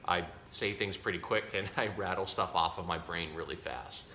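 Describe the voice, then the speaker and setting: A man sitting low in pitch speaks at normal speed, his voice pushed and bright, as a zookeeper telling children an animal story. He's chatty and casual, keeps things simple and corrects himself as he goes. Echo and faint background noise fill the room.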